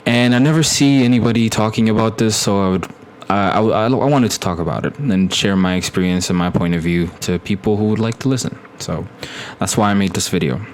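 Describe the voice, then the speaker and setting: A man's voice: on the low side, a little fast, hardly any pauses, a little hiss or hum. A young man from Ethiopia chatting casually on a live stream, rambling with many fillers and restarts.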